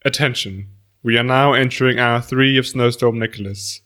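Guy doing a flat formal emergency announcer voice thru a megaphone, far off, middle pitch. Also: normal speed. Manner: flat, formal public warning. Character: calm male emergency announcer, formal and impersonal.

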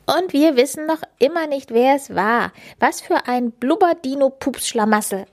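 A woman's voice: lively intonation, moderate pace. Woman doing boisterous creature Schnüffelo. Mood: dismayed. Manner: loud, exclaiming, high put-on voice.

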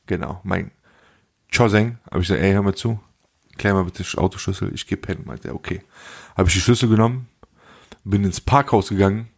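A young man co-hosting a podcast, telling stories in animated casual chat with lots of street slang. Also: low-pitched, fast, gravelly, slightly rough. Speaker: podcast co-host.

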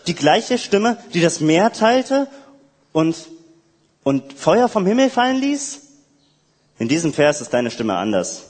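Slow, breathy man in a prayer monologue. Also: fairly high pitch, big pitch swings, darkish tone, big-room sound. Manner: reflective, halting, with hesitant restarts. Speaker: speaker addressing God.

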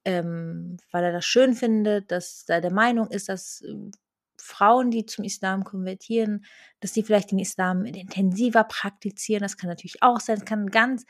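A woman's voice: medium pitch, fairly even intonation, moderate pace. A woman in casual conversation who speaks hesitantly, thinking aloud with many fillers.

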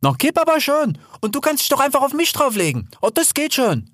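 A bright, high-voiced young wild sow bubbles along, teasing and chatty, as a man puts her on. Her voice leaps all over the place. The reading is dry and close, with no room around it. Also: wildly swooping pitch, fairly quick, dry recording, heavily acted.

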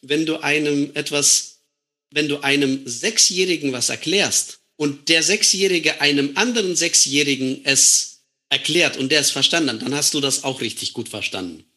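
A man talks through an idea in a relaxed conversation, leaning on simple everyday examples. His voice is bright and sits a little high. He sounds like a lecturer used to explaining things plainly. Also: normal speed. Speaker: computer science lecturer. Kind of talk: casual conversation.

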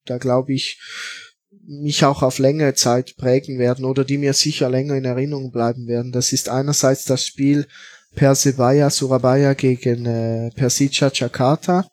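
A Swiss football fan appears as a guest on a podcast, talking casually in an interview. His pitch stays flat and even at a moderate pace, and he hesitates a lot, filling gaps and restarting sentences. The sound is close and dry with no echo.

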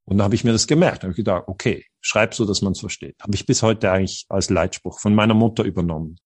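Husky man, earnest and halting. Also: lowish voice, a little mellow, dry recording. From Switzerland. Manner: earnest, searching for words with frequent hesitations. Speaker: interview guest. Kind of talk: reflective personal storytelling.

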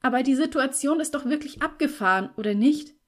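A woman's voice: high voice, expressive, brisk, pitched above the performer's own voice. A shy yet stubborn teenage girl, put on by a woman narrator, her voice lifted well above the reader's own. She talks earnestly and with a pleading edge, easily flustered. Heard in an audiobook. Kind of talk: audiobook reading.

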